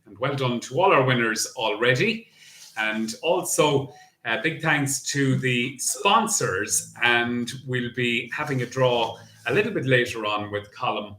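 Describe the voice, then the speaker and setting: An Irish man working as a bingo caller, announcing in a deliberate, traditional bingo-calling manner. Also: medium pitch, pushed and bright. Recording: echoey room, faint noise.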